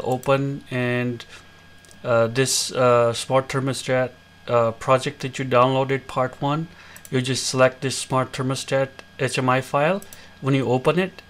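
A man with a mid-range voice hosts a screen-recorded coding tutorial, explaining each step in a relaxed way with many fillers.

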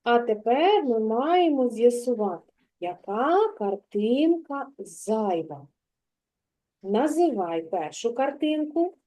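Patient woman teacher, high mellow voice. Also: sing-song. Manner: patient, drawn-out stressing of sounds and words. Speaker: kindergarten teacher. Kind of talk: one-on-one literacy lesson with a child.

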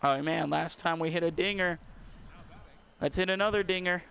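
A young man giving casual, excitable commentary while playing a baseball video game and talking to his viewers. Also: on the high side, normal speed, vocal fry, clean tone. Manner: excitable, talks to viewers and the screen. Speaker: gamer.

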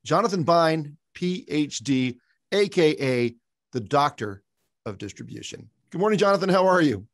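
A man's voice: on the high side, expressive, moderate pace, no echo. A man co-hosting a business webcast, joking with his partner and reading a sponsor message in long lists. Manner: jokey, reads ad copy in long lists. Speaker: podcast co-host.

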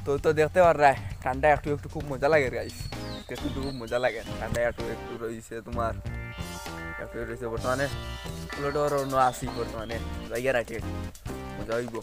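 Speaking to camera on a phone held at arm's length, a young Sylheti-accented vlogger from Karimganj, India, chats casually on village roads and keeps repeating phrases. He's a fast talker with a mid-range voice and steady tone. Music sits under this outdoor phone recording.

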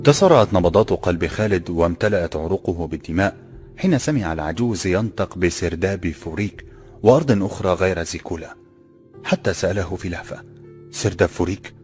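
Deep-voiced male audiobook narrator. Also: fast talker, faint music behind. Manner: formal classical Arabic, steady.

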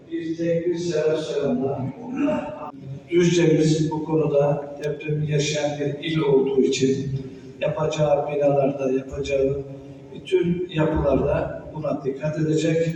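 A man's voice: a little high, mellow, far from the mic. Man preaching from a mosque pulpit mic. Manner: solemn, measured preaching with long prayer phrases. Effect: speaking from the pulpit microphone. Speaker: imam leading a memorial prayer. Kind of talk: sermon and prayer. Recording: echoey mosque hall, voice from afar, faint noise.

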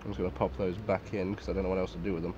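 Low-voiced sweary man, noisy recording. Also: little pitch movement, rapid-fire, dull audio. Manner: sweary, understated, muttering asides. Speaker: military surplus gas mask reviewer. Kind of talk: casual unscripted product review. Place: outdoors in a garden at night. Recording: clearly noisy outdoor recording.

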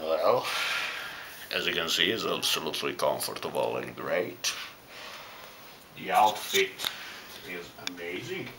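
A man speaking through a face mask while casually reviewing a costume, halting often with pauses. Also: low voice, creaky, pushed and bright, a little hiss or hum. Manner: halting, with frequent "well" pauses. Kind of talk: casual product review vlog.

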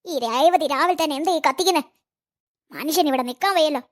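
High-pitched grumbly old granny done by a woman, cartoon, protective and complaining. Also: fairly quick, natural voice. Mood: grumbling. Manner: complaining, scolding.

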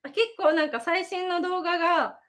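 A young woman from Japan talks casually on her home livestream with a high voice. She reads viewer comments aloud and laughs easily. She fills her talk with many little fillers. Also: moderate pace, crowd noise. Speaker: livestream host, idol. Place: home in Sendai.

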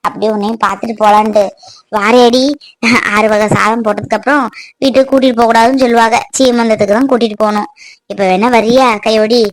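Casting: woman putting on a lower-voiced, coaxing middle-aged mother, cartoon. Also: steady tone, fast, no room sound, close to an everyday voice, poor audio. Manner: coaxing, insistent.

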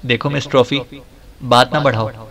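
A man voicing a domineering, wisecracking male detective who issues threats in a mid-pitched voice. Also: steady tone, normal speed, a bit bright, close to an everyday voice. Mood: bossy. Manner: bossy, threatening.

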